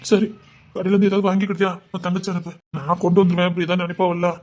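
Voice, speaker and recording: Performing in a village romance drama, a woman plays a caring young man from the village who fusses over his sweetheart quickly and coaxingly. Her natural voice is on the low side and darkish, with a flat delivery.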